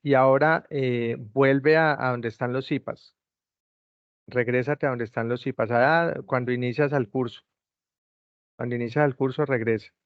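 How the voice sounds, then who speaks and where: A man's voice: medium pitch, steady tone, normal speed, no echo. A man tutoring an online class over a video call, patiently repeating step-by-step instructions. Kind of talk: guiding students through a video call. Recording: dull lo-fi call audio, dry.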